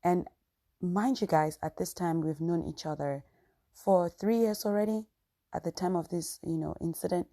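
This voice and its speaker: A vlogger with a Cameroonian accent tells her viewers a personal story in an earnest, chatty way, often slipping in "you know." Her voice is lowish and warm, at a moderate pace.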